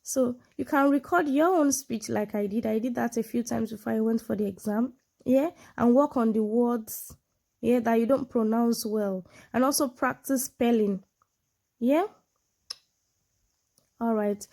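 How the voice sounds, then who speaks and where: In a relaxed to-camera lesson, a Nigerian-accented woman who tutors English exams online uses examples to explain. Her first language is Nigerian, English her second, and her sonorous voice is a little high, creaky and mellow, delivered unhurriedly. Tags like "yeah" and "you know" come up frequently as she checks in.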